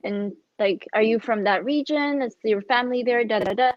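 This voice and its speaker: Her voice a little high, the young Ethiopian panelist talks at normal speed with no echo, peppering her chatty remarks with "like" and "you know." The online discussion comes through as dull, dry video-call audio.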